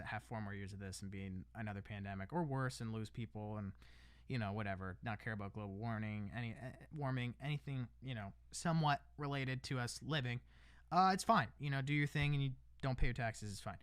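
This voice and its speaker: A man's voice: mid-range voice, a little fast, a bit bright, smooth, no echo. A man talking casually on his livestream, rambling with lots of restarts, tossing in "bro" and "man" and laughing between lines. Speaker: livestream host.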